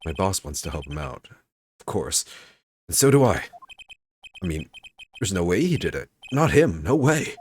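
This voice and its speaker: A man's voice: very deep voice, lively intonation, moderate pace, a little hiss or hum. Man putting on a jittery young rookie lawyer. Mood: nervous. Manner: jittery, insists he is fine, strained shouting. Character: nervous young male rookie defense attorney. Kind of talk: reading game dialogue aloud. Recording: game music playing behind.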